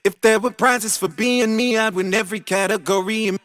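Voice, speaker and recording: A man singing a demo vocal, pitch-shifted without formant correction, so it sounds formant shifted with dull, smeared consonants. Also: fairly even intonation, moderate pace, over loud music. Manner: sung, auto-tuned. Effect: pitch-shifted without formant correction, formant-shifted voice with dulled consonants. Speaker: singer in a demo vocal track. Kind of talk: sung vocal sample.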